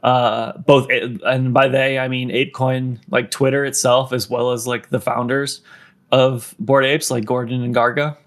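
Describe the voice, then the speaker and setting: In a casual podcast, a man with a mid-range voice talks at a measured pace in a level tone. He rambles, leans heavily on "like" and "um," and sounds somewhat out of breath.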